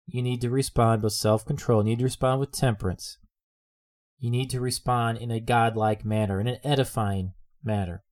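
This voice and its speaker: A man's voice: mid-range voice, darkish tone. A man preaching a sermon in an earnest way, often repeating his phrases for emphasis.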